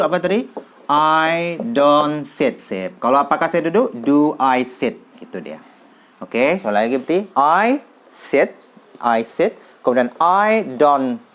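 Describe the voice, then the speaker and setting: Man, casual English tutor, animated pitch, drills examples slowly. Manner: lively, repeats example sentences slowly and clearly. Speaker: English teacher. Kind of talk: casual classroom explanation.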